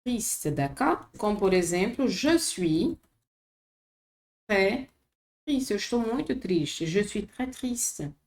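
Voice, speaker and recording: Slow Brazilian woman teaching French. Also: mid-range voice, very animated. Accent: Brazilian Portuguese. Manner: slow, repeats each word for students. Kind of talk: vocabulary lesson. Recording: echoey room.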